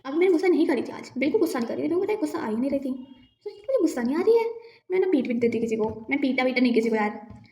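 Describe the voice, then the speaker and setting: A teenage girl telling a school story in a chatty, animated vlog. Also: high-pitched. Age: teens. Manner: chatty, animated retelling, quick to anger. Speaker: vlogger. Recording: echoey room with faint noise.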